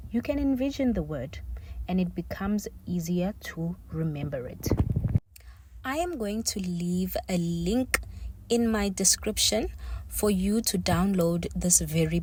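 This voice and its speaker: A woman teaching an online English lesson in a slow, deliberate way, warmly addressing her young viewers as her steppers. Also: fairly low pitch, a little hiss or hum.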